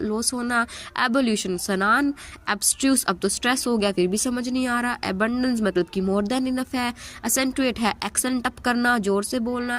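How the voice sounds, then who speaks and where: Woman teaching vocabulary, fairly high voice. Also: a bit bright. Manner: explains in Hindi mixed with English, asks rhetorical questions. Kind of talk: exam-prep vocabulary lesson.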